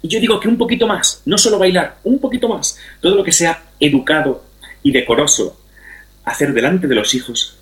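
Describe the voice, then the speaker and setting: This brisk, fairly high male voice belongs to a middle-aged Spaniard invited to talk about family and sex education. In a conversational, explanatory interview, he teaches by repeating phrases to drive points home. His words echo around the room, so the audio sounds roomy.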